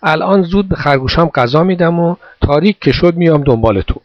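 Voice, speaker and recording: A man reading a story voices a kindly bow-legged old man who speaks gently and coaxingly. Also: on the high side, no room sound, pitched above the performer's own voice, close to an everyday voice. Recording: dull dry recording.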